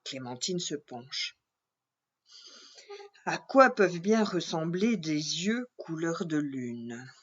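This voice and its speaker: A woman reading a children's story aloud in a gentle, expressive way. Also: sits low, slow pace, long pauses, lo-fi sound, slight background noise.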